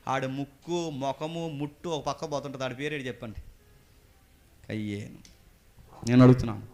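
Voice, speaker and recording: A man preaching a sermon as pastor, fervent, swinging from loud outbursts to low asides and questioning the congregation. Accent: Telugu.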